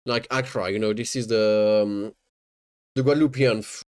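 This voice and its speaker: A man's voice, lowish, steady, and a little mellow, moves at a moderate pace as he streams his casual reaction to a video. He sarcastically mocks it with jokes and swearing, often stammering and repeating words.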